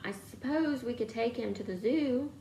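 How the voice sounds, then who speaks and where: A snappish, fussy aunt, as a woman reading aloud puts her on, with a gravelly edge to her voice. She speaks sharply in an echoey room, with faint noise behind. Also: on the high side, moderate pace, warm tone, natural voice. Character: sharp fussy woman, a boy's doting mother.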